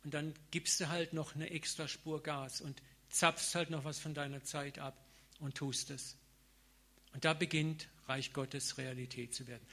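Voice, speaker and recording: A man's voice: on the high side, sharp tone. Man preaching in a casual, slangy way. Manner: informal, colloquial preaching with slang. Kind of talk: sermon.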